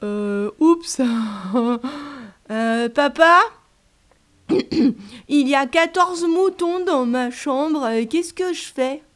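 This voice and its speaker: A woman's voice: high-pitched, lively intonation, drawn-out words, pauses often, voice pushed up, full character voice. A woman voicing a chatty, fretful little boy who cannot sleep, sighing and whining with lots of fillers. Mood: alarmed.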